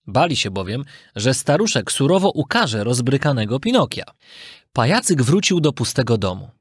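A storyteller reading a children's fairy tale aloud in an expressive, scripted way. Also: medium pitch, breathy edge, no room sound, clean studio sound. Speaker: narrator.

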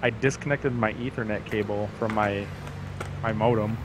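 A man's voice: fairly low pitch, fairly even intonation, moderate pace, background noise. A man co-hosting a podcast, chatting casually and joking on a group call from his basement while fiddling with his setup. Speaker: podcast co-host. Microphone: computer mic on a group call.

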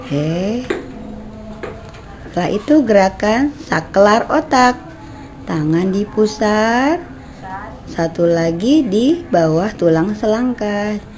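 A woman leads children through simple exercises, her voice in an ordinary middle pitch. She gives slow, patient, step-by-step cues. It is caught on a camera mic on an outdoor veranda. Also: animated, darkish tone, slight background noise. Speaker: brain gym instructor.

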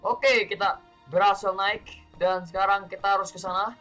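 A young man doing let's play commentary as a gaming YouTuber, chatty with viewers and bursting into loud exclamations. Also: sits high, steady tone, moderate pace, soft background music. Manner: chatty, keeps addressing viewers as guys.

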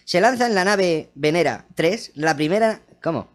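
A man co-hosting a comic show, reading dates and answering with deadpan absurd puns and restarts. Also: sits high, moderate pace. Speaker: comedy radio co-host.

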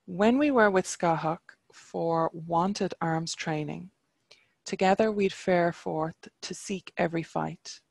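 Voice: mid-range voice, gravelly, no echo. A reader voicing the male warrior hero Cuchulainn, reciting archaic verse in a chant-like manner. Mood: defiant. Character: legendary young male Irish hero, defiant warrior.

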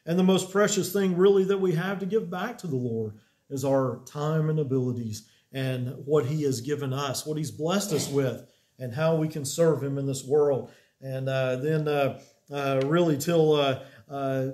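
A man in his fifties, a pastor preaching a sermon after an opening prayer, unhurried with many pauses, in a small church room. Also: a little high, darkish tone. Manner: unhurried, many "uh" pauses, rising emphasis on key words. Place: small church room with a wooden cross on the wall.

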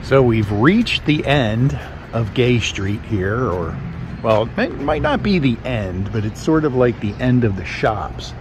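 A man's voice: mid-range voice, slow. Man guiding a walking street tour. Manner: relaxed, rambling, thinks aloud. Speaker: vlogger, tour guide. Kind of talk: casual walking tour narration. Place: outdoors on a town street. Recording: noisy outdoor street recording. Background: street traffic.

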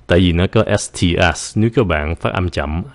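A Vietnamese-speaking man teaching English vocabulary in a casual tone, drilling each word slowly and then explaining it quickly. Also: low voice, dry recording.

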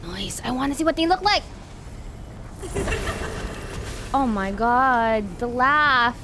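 Game music and a noisy background accompany this female gaming streamer from the Philippines. Her high, expressive voice moves slowly as she gives giggly, talkative reactions during her let's-play.

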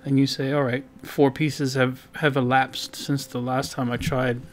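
A man's voice: medium pitch, level tone, unhurried. A man rambling casually through a voice-over about his painting, full of fillers and restarts and poking fun at himself. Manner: rambling, filler-heavy, self-deprecating. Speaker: digital painter and video host. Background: background guitar music.

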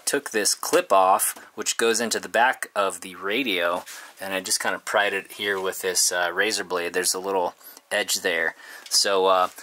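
A man with a bright, fairly low voice narrates a casual DIY vlog to camera, talking informally and rambling as he works. As vlogger and host, he moves between the inside of a converted school bus and the outdoors beside it, holding the camera at arm's length.

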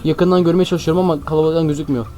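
Young male let's-play host, rapid and edgy, a little high, dark mellow tone, faint music under him. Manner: excitable, jumpy, keeps addressing viewers as friends. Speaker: gaming channel host. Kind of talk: Minecraft let's-play commentary.

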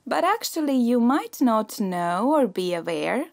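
A woman's voice: on the high side, very animated, gravelly, dry recording, clean studio sound, exaggerated voice. A woman voicing a snooty, mock-polite cinema ticket seller. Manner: slow, posh, mock-polite.

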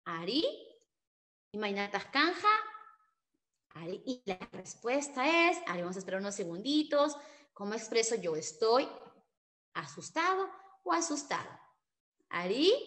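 A woman's voice: on the high side, pushed and bright. A woman teaching a language lesson, patiently explaining and drawing out model words and mixing in encouraging words from another language. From Peru. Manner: slow, drawn-out model pronunciations with patient explanations; sprinkles encouraging Quechua words into Spanish.

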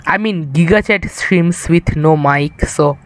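A young Indian streamer chats casually with his viewers while gaming, speaking slowly and drawing out his words in a slightly high voice. He sounds tired, rambles loosely, and talks to his audience from an improvised setup.

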